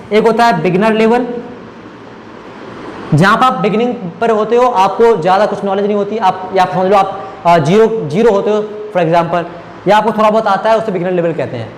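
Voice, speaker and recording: A man whose first language is Hindi teaches spoken English in a classroom lecture, explaining step by step and frequently checking that students are following. His voice is high-pitched and roomy, as if in a large hall, with a little hiss or hum.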